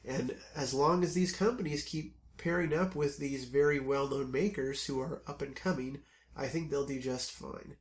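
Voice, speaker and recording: A man with a hoarse, scratchy voice from a cold, chatting casually through a knife review with frequent ums. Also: medium pitch, moderate pace. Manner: relaxed and chatty, with frequent ums and self-corrections. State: hoarse, under the weather. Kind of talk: casual product review to camera.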